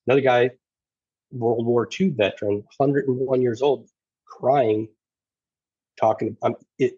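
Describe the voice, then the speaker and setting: A former federal officer and navy corpsman, appearing as a podcast guest, talks casually in a lowish, husky voice with a flat, even line. He's earnest and halting, restarting his thoughts often and saying "you know" a lot. The recording is dry and close with no echo, yet dull, lo-fi and muffled.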